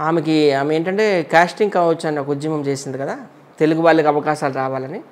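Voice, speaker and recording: An entertainer from Andhra Pradesh chats casually in an interview, handing out blunt, quick one-line verdicts. His voice is fairly high and steady in tone.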